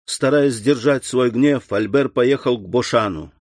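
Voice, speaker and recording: A man narrating a classic novel as an audiobook in an even, measured reading. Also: mid-range voice, no room sound, clean studio sound. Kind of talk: scripted narration.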